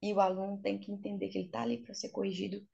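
A woman's voice: mid-range voice, level tone, racing, creaky, warm tone, husky. A woman with a Brazilian Portuguese accent, an English teacher patiently explaining her points step by step in a casual interview. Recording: dull, lo-fi sound.

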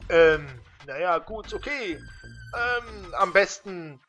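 A man casually commenting on a game as he plays, laid-back and amused. He talks slowly, with a very lively rise and fall of pitch. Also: soft background music. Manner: laid-back, amused, chatty with many fillers. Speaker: let's play host.

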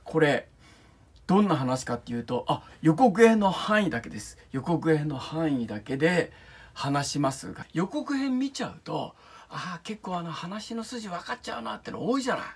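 A man hosting his own channel, telling a film's setup in a casual review and often dropping into a hushed whisper for the eerie parts. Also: a little high, moderate pace, slightly rough. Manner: animated storytelling, often drops into hushed whispers. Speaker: channel host reviewing films. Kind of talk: casual film review talk.

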